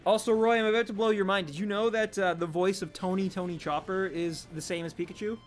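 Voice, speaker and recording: A man chatting casually on a live stream, reading out chat in an animated, talkative way. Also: high-pitched, quick pace, faint music behind.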